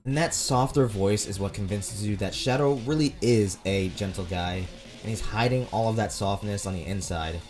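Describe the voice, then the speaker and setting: A man's voice: on the low side, moderate pace, over music. A young man hosting a video essay, reading scripted commentary.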